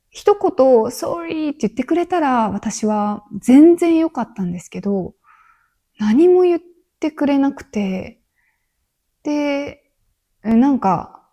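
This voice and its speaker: A woman podcast host speaking slowly and gently in a casual monologue for learners, with many soft filler words. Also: sits high.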